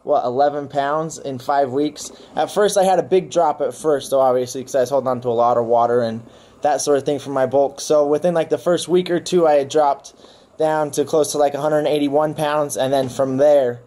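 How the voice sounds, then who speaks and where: A man's voice: medium pitch, dark tone. A young man in his twenties vlogging casually to a handheld camera, chatty and matter-of-fact, correcting himself as he talks. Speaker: fitness vlogger and coach. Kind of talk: casual vlog narration to camera. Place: car, home and gym. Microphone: handheld camera close to face.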